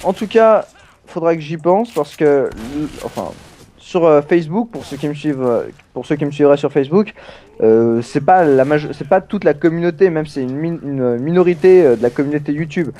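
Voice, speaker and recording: Brief: young male let's-play host, teasing and chatty, soft warm tone. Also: on the high side, moderate pace. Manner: playful, chatty, teasing, with many fillers. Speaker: gaming channel host. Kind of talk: casual let's play chat.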